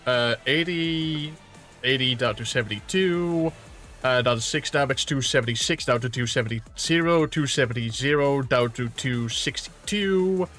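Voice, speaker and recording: A man's voice: medium pitch, moderate pace, fairly bright tone, faint music behind. A man acting as game master who narrates a tabletop game in a casual, rambling way and swears lightly now and then.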